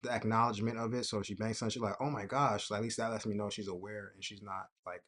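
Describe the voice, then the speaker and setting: Young male host, low-pitched, easygoing chatty delivery with frequent laughs. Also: rapid-fire. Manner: relaxed, conversational, laughs often, acts out quotes. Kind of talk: casual personal talk to camera.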